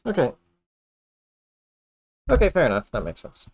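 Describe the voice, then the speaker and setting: Lively-voiced streamer man. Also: mid-range voice, unhurried, creaky, breathy edge. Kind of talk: casual live-stream chat while playing.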